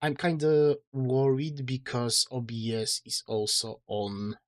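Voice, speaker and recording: A man's voice: mid-range voice, takes it slowly, dry recording. A man streaming to his chat, sounding tired and strained in the throat, rambling and self-deprecating with lots of fillers and restarts. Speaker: streamer reading his own book. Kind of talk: casual livestream chat.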